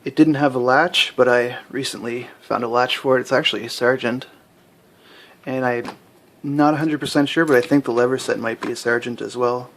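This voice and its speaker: A man's voice: medium pitch, steady tone, normal speed, a bit bright, slight background noise. A man, a hobby lock picker, casually showing his collection to camera at home, rambling with lots of fillers and restarts. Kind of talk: casual show-and-tell.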